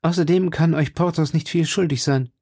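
A man reading an audiobook gives voice to a young cavalier, calm and courteous, sure of himself. His tone carries a gravelly edge and is recorded close and dry. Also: on the high side, moderate pace, no room sound, voice pushed up. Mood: assured. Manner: calm, reassuring.

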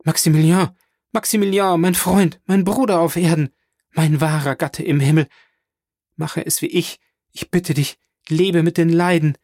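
A man's voice: mid-range voice, animated, unhurried, vocal fry, a little mellow, no room sound, studio quality. A man reading an audiobook, voicing a pious young woman in despair who pleads fervently and through tears. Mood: pleading, tearful.

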